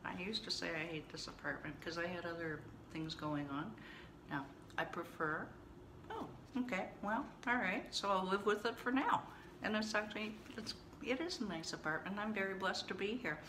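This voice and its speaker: A woman's voice: medium pitch, normal speed, noisy background. A woman giving casual, chatty tough-love coaching to her viewers, with frequent asides and laughs. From Canada. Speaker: vlogger and coach. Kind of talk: casual talk to camera.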